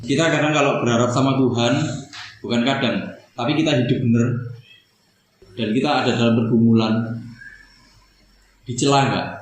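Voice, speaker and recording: Preacher in an echoey hall. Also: male voice, medium pitch, moderate pace, pauses often, slight background noise. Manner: conversational preaching, often addressing listeners as brothers and sisters. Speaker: pastor. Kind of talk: sermon.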